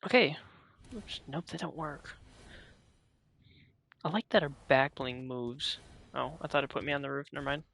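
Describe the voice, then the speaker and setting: Gravelly man rambling on a game stream. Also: mid-range voice, moderate pace, pauses often, sharp tone. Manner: rambling, self-interrupting, thinking aloud while building. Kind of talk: casual live game stream chat.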